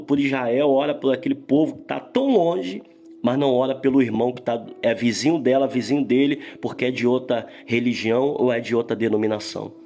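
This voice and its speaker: A man's voice: mid-range voice, a little mellow. A man preaching a morning sermon, emphatic and full of rhetorical questions to his listeners.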